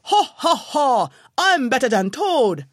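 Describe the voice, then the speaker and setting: A woman voicing a boastful male donkey who brags loudly in a raised, high voice. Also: lively intonation, moderate pace, dry recording, studio quality. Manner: braying, bragging, raised voice.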